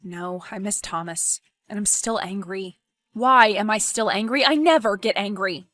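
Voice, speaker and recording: A woman voicing a gentle, principled young male teacher in an animated story, speaking softly and earnestly. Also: medium pitch, moderate pace, dry recording, natural voice. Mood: hurt. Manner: soft, subdued, earnest.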